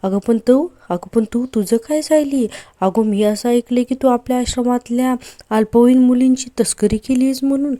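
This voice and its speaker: A woman's voice: on the high side, normal speed, mellow, dry recording, clean studio sound, voice pushed up, close to an everyday voice. A woman doing Priya, a taunting prisoner woman. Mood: mocking. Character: taunting scheming woman prisoner, TV serial villain.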